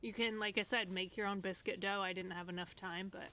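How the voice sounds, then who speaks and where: A woman's voice: mid-range voice, fairly even intonation, fairly quick, sharp tone, a little hiss or hum. A woman chatting casually as a cooking guest, giggling and hedging with "like" and "I guess". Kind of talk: casual chat.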